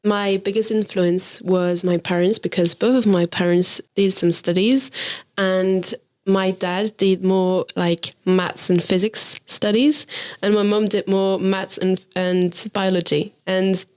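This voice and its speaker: A woman's voice: medium pitch, flat delivery, takes it slowly, darkish tone. An 18-year-old woman from France, an engineering student speaking thoughtfully and searching for words. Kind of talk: casual podcast chat.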